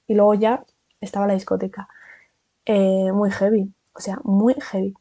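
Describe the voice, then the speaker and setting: A young woman from Spain with a Spanish accent, telling a casual storytime vlog in a chatty, animated way full of fillers and asides. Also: mid-range voice, husky, dry recording.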